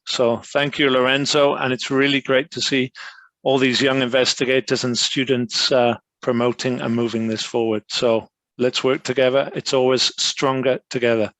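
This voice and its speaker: Man, welcome address, monotone, dry close sound, earnest. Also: mid-range voice, dry recording. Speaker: society leader giving welcome.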